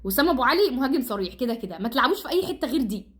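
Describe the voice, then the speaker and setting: A woman's voice: high voice, big pitch swings, very fast, a bit bright. A woman with an Egyptian Arabic accent, nervous, pleading and exasperated in a heated monologue. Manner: pleading and exasperated, swearing oaths. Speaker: football fan vlogger. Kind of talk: fast, heated monologue addressed to the coach.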